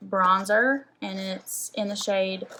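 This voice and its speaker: Speaking slowly with fairly even intonation, this young Southern American woman has a medium-pitched voice that sounds pushed and bright, over slight hiss or hum. As a beauty vlogger doing a casual makeup haul chat, she rambles on and uses "like" often.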